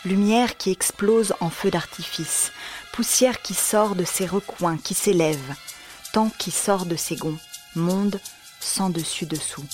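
A woman narrator reading a poetic scripted text in a measured, lyrical way. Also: on the low side, a little mellow. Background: music.

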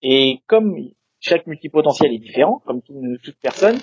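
A man's voice: a little high, animated, normal speed, husky, highs cut off. A male interview guest talking casually and hesitantly, his audio crackling and breaking up. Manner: hesitant, many fillers and restarts. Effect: crackling, breaking-up audio line. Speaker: guest, entrepreneur.

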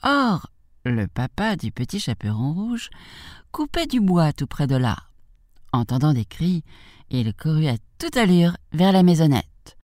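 Lively low-voiced woman reading a tale. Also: no echo, studio quality. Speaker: storyteller. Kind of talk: children's story reading.

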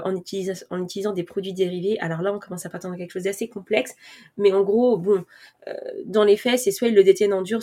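A woman's voice: medium pitch, dark tone. A woman vlogger talking casually to her viewers and explaining things step by step, with many fillers and restarts and the odd laugh at herself. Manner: self-mocking, laughs at herself. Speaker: personal finance vlogger. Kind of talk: casual explanatory talk to camera.

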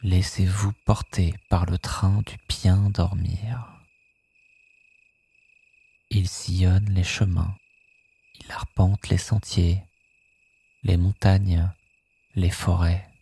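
Sleep hypnosis guide: hushed and soothing, dark mellow tone, slightly husky, extremely unhurried delivery. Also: low-pitched, level tone. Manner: soothing, hushed, with phrases echoed softly.

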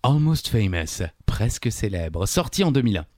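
Playful man, lively teasing voice. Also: on the low side, moderate pace, no echo, clean studio sound. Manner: teasing, playful, reads questions aloud. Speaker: quiz podcast co-host. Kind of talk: casual joking chat.

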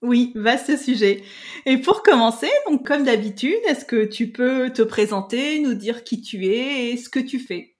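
Woman hosting a podcast, slightly high. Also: measured pace. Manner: friendly, hesitant fillers in questions. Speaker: podcast host. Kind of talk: podcast interview.

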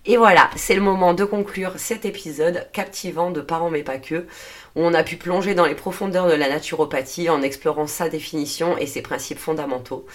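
A woman hosting a solo podcast, explaining her subject earnestly, with frequent hesitations and self-corrections and a dry throat. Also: low voice. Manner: earnest, steady delivery with frequent "euh" fillers and self-corrections. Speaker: podcast host and naturopathy coach.

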